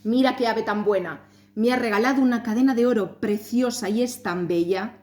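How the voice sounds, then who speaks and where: A woman's voice: a little high, moderate pace, darkish tone, natural voice. A woman voicing a cheerful, unsuspecting father in a contented, musing tone.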